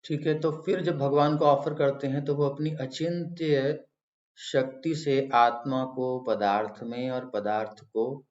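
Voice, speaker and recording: A male preacher giving a sermon, explaining and telling stories with emphasis. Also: mid-range voice. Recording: roomy, dull lo-fi.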